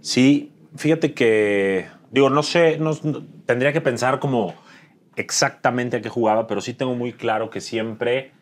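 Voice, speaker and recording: A man in his thirties with a Mexican Spanish accent, an interview guest talking reflectively about his life and pausing to search for words. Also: medium pitch. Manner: thoughtful, searching for words with fillers. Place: dim studio set with dark curtains.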